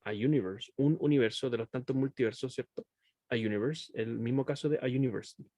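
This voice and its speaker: A male English teacher runs a class over a video call, switching between two languages as he explains patiently and often checks that students understand. His warm, medium-pitched voice moves a little fast. The sound is clean studio quality with no echo.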